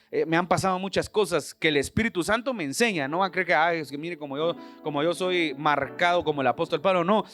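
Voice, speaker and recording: High-voiced Guatemalan preacher telling a story. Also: male voice, a bit bright. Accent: Guatemalan Spanish. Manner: conversational storytelling preacher, addresses listeners directly. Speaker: pastor. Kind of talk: sermon.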